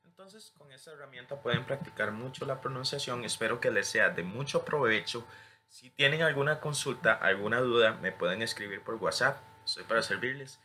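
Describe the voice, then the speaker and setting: Bright-toned teacher. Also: male voice, mid-range voice, moderate pace, slight background noise. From Costa Rica. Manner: switches between English and Spanish, models words for repetition. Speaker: English teacher. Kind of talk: screen-recorded tutorial.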